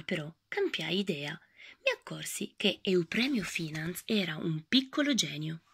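A woman reading a children's book aloud in a lively storytelling voice that often drops to a whisper. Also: fairly low pitch, slightly rough.

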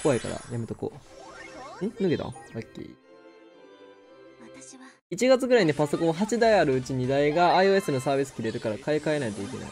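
A man with a Kansai accent giving excitable live commentary on his own game, exclaiming and laughing often. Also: a little high, quick pace, long pauses, soft background music. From Kansai, Japan. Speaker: game streamer.

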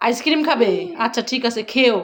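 A woman's voice: fairly high pitch, fast. A woman filming a home video, coaxing and soothing a crying child in a playful way. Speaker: family vlogger filming a child. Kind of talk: casual home video chat. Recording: noisy home recording.

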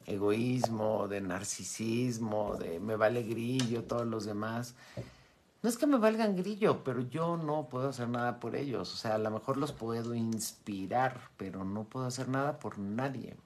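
A middle-aged woman speaks as a spiritual teacher in a slow, unhurried way. She is animated and playful, acting out the voices she quotes and laughing often. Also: rumbling low, a little hiss or hum. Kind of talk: live-streamed talk to followers.

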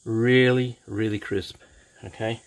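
A man talks slowly and unhurriedly through a scale model kit, speaking from behind an overhead camera at his hobby desk. He is casual and enthusiastic, often repeating his praise and pausing with small fillers. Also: fairly low pitch, fairly even intonation, poor audio. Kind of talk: casual kit review, unscripted.

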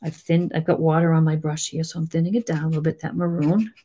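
A woman with a Boston accent giving a chatty, rambling step-by-step painting tutorial, full of gentle little asides. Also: low voice, flat delivery, fast talker, a little hiss or hum. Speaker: painting teacher.

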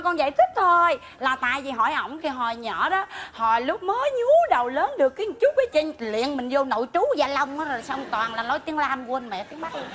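A woman playing a cheeky, quick-witted young village girl with a Southern Vietnamese accent in a live stage comedy sketch. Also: high voice, background noise. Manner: sassy, chattering, talks back. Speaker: comic stage actor.

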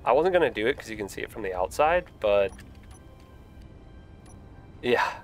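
Live-streaming a building game over soft background music, a young man with a lowish, cold-stuffed voice chats casually at normal speed. His talk is relaxed and meandering, peppered with frequent fillers.

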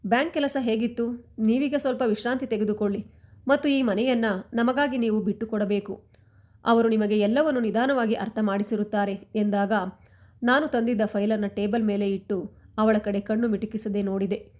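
A woman telling a scripted family story in the first person, reading steadily and in a measured way. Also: fairly high pitch, steady tone, a little mellow.

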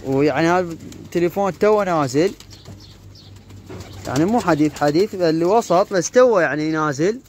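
Speaking into a handheld phone in an outdoor pigeon yard full of cages, a pigeon-keeping YouTuber with an Iraqi Arabic accent chats casually in a fairly high, brisk voice marked by long pauses. His vlog rambles and leans on the same filler phrases, with cooing birds and faint noise behind him.

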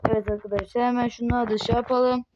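A young woman from Turkey hosts a casual game mod walkthrough, rambling and filling gaps as she goes. Her voice sits fairly high. A faint hiss runs under the home recording. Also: little pitch movement, fast talker, muffled recording. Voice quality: voice tone altered, may sound odd. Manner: rambling, says "arkadaşlar" constantly, many fillers. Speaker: gaming channel host. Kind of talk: casual mod showcase commentary.

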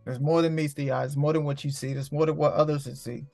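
Profane, gravelly spiritual podcast host. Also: male voice, a little high, level tone, fast, a little mellow, dry recording, soft background music. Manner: profane, street slang, rambling. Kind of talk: casual spiritual talk.

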